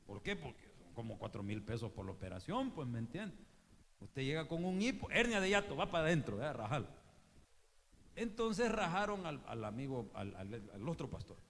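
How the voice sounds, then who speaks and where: A man's voice: medium pitch, sing-song, moderate pace, vocal fry, fairly bright tone. A male pastor with a Salvadoran accent preaching a sermon, emphatic and slangy with joking asides. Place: church hall. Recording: long church-hall reverb, faint background noise.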